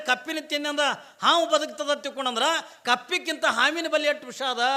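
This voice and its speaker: A man's voice: very high voice, bright, forceful tone. A man from Bijapur district with a North Karnataka accent, preaching a sermon and answering his own questions to the crowd. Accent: North Karnataka Kannada. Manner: asks the audience questions and answers them himself. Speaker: religious preacher.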